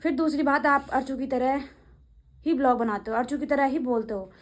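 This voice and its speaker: Brief: young woman vlogger, high-pitched, rapid and indignant, casual rant to camera. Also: steady tone. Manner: fast-talking, indignant, addresses critics directly.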